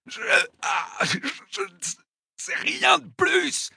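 A man voicing a badly wounded male thug who gasps in pain, begs for mercy and cries out in high, strained shouts. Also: big pitch swings, takes it slowly, creaky, no room sound, studio quality, exaggerated voice. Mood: begging, agonized. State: out of breath, in pain.

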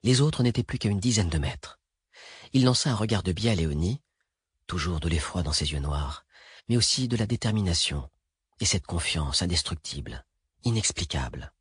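A man narrating an action thriller audiobook in a steady, even read. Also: low voice, normal speed, slightly rough, no room sound. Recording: dry close recording.

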